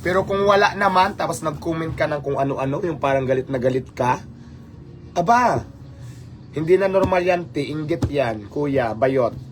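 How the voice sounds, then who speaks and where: A man hosts a casual livestream, his voice a little higher than most men's. He talks in a lively, rhetorical way, firing questions at his audience and slipping into English. Faint ambient noise sits under his voice. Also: normal speed, hardly any pauses. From Philippines. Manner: animated, rhetorical, mixing in English. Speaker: livestream host.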